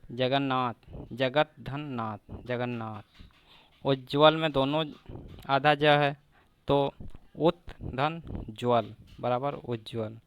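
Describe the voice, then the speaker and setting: A man teaching a grammar lesson for exam preparation, slowly breaking down each example word by word and repeating it. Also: medium pitch, a little hiss or hum.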